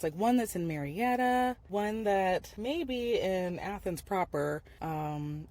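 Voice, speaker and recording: Candid chatty woman, slightly low voice. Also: a little mellow. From Ohio, USA. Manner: candid, chatty, many ums and restarts. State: lingering cough, slightly rough voice. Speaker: author and podcast host. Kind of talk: casual solo podcast update.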